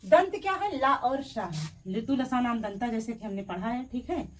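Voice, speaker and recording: High, lively woman teaching a lesson. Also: moderate pace, far from the mic, slight background noise. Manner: asks questions and answers them herself; repeats key terms, checks in with "ठीक है". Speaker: Hindi grammar teacher. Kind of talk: classroom lesson.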